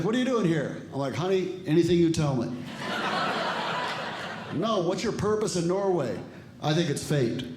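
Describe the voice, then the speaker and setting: A man in his forties doing a stand-up comedy set with a dry, self-deprecating delivery, acting out bits of dialogue. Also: on the high side. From Ecuador and El Salvador. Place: comedy club stage with a live audience. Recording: echoey room with audience noise.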